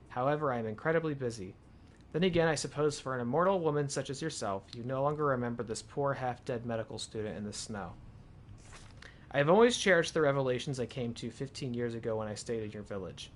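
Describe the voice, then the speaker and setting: Lively-pitched man streaming a game. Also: quick pace, slight background noise. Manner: chatty, self-correcting, thinks aloud. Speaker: gaming streamer. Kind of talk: live gameplay commentary and reading in-game files aloud.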